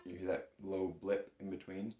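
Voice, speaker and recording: In an echoey indoor room, a male bagpipe instructor gives a relaxed, patient lesson to camera, walking learners through each step. He has a low voice, speaks at normal speed, and his delivery is completely flat.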